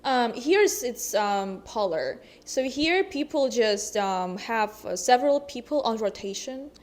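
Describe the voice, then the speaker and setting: A woman's voice: fairly high pitch, expressive, unhurried. A young woman from Russia, a vlogger chatting casually to camera, hesitant and full of ums.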